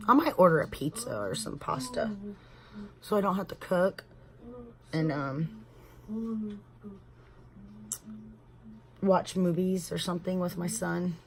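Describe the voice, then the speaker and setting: Texan lady doing her makeup at home, kinda low voice, chatty and rambly, says y'all. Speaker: beauty vlogger. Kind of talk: casual makeup tutorial chat.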